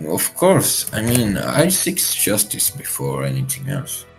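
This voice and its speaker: A man's voice: lowish voice, wildly swooping pitch, unhurried, soft background music. A young man from Argentina whose first language is Spanish, guesting on a podcast in casual chat, joking crudely and laughing often.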